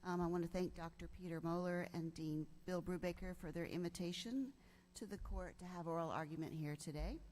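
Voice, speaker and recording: A woman's voice: fairly low pitch, a little fast, a little mellow. A woman with a Southern US accent, presiding as a judge and speaking in an informal but official welcoming style. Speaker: presiding chief justice. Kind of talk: informal welcome and thanks at a formal event. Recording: faint background noise.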